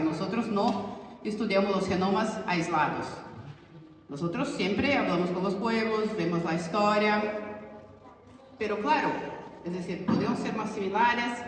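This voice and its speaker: Distant researcher in an echoey hall. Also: mid-range voice. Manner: explanatory, many restarts and fillers like "o sea" and "es decir". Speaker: researcher presenting study results. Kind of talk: informal public talk to a community audience. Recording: echoey hall heard from far off, faint noise.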